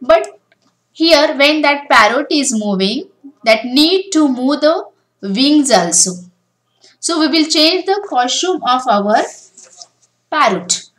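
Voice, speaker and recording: Woman, teacher, screen-recorded tutorial, step-by-step explaining, fairly high pitch, bright tone. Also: lively intonation, takes it slowly, pauses often, poor audio. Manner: step-by-step explaining, often starting with "now".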